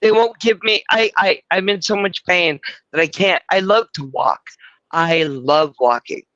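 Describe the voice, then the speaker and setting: A woman's voice: on the low side, a little slow, a bit bright, no room sound, highs cut off. A middle-aged woman hosting a livestream, rambling and crude, mocking herself as she chats. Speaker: livestream host. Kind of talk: casual livestream chat.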